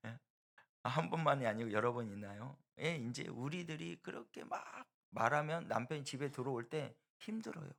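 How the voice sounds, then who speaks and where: Male pastor, middle-aged, gravelly voice, earnest sermon, rises loud on key words. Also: mid-range voice, animated. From South Korea. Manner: earnest preaching, swells loud and slow on key phrases.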